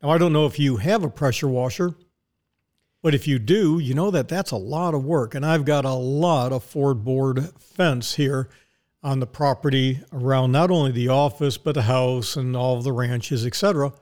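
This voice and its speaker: A man's voice: medium pitch, normal speed, darkish tone. A man hosting a podcast in a casual, folksy monologue, often putting questions and answering them himself. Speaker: podcast host.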